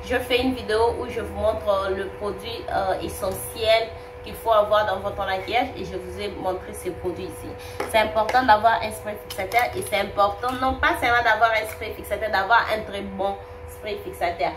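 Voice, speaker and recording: A young beauty vlogger with a cold chats her way through a makeup tutorial, often repeating words and leaning on plenty of fillers. Her voice is medium-pitched with fairly even intonation at a normal speed, captured in a noisy, roomy home recording that sounds distant.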